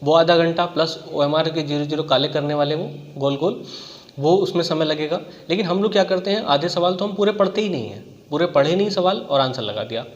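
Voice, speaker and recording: A man's voice: a little high, a little fast, big-room sound, muffled recording. Man giving exam strategy tips. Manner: conversational, repeats "theek hai" and talks through examples. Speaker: exam coach.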